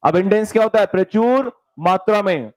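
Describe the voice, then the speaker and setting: On poor-quality audio, a man with a high-pitched, expressive voice and an Indian English accent runs a live online spelling class. Spelling words out letter by letter, he reads students' comments aloud and presses them for quick answers, addressing them as "beta" and "bhai".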